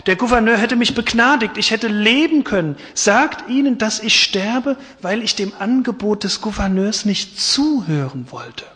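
A defiant young convict shouts back at his visitors, as a preacher acts him out. His voice sits high and hard. A long reverb trails every word. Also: expressive, moderate pace, hardly any pauses. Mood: urgent. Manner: shouting, hostile. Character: defiant young male convict on death row.

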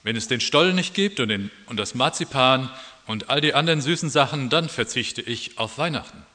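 Ein Mann als brummiger, naschsüchtiger Bär. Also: male voice, mid-range voice, lively intonation, a little fast, sharp tone, in a large hall. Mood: grummelnd. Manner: grumbling. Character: grumbling bear craving sweets.

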